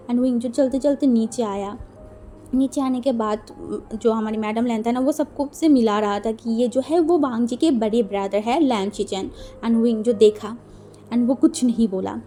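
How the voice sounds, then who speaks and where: A woman's voice: fairly high pitch, normal speed, dark tone, soft background music. A woman narrating a fan story in a chatty, casual way, dropping English words in as she goes.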